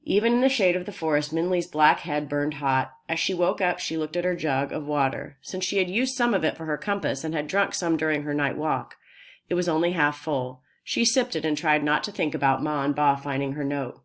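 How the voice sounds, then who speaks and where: A woman reading a children's novel aloud in a steady, unhurried storytelling voice. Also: deep voice. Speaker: audiobook reader.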